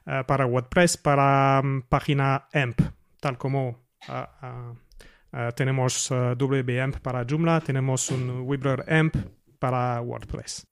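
A man's voice: mid-range voice, flat delivery, slow, clean tone. A French man speaking Spanish as a second language with a French accent, hesitant and searching for words as an interview guest. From France. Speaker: guest developer.

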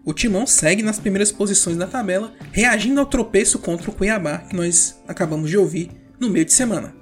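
A Brazilian woman presents a scripted sports round-up as the show's host. Her voice sits at a medium pitch, with a music bed playing softly underneath. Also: fairly quick. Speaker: football round-up show host.

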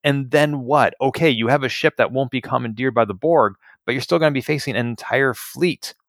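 A man's voice: mid-range voice, fairly quick, a bit bright, dry recording, studio quality. A man co-hosting a podcast in casual chat, opinionated and analytical as he picks apart an episode. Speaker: podcast co-host.

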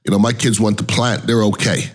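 Middle-aged man, podcast host, slightly low pitch, casual solo talk, blunt, slangy. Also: steady tone, brisk.

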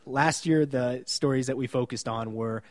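A man's voice: medium pitch, normal speed, darkish tone. A man hosting a casual local news podcast, wry and joking as he recaps the year's stories. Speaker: podcast host.

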